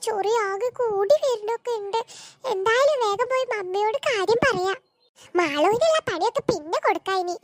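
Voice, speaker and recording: Woman doing a very high, scheming cartoon girl. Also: no room sound. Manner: plots aloud, wails and whines. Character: scheming mischievous young girl prankster.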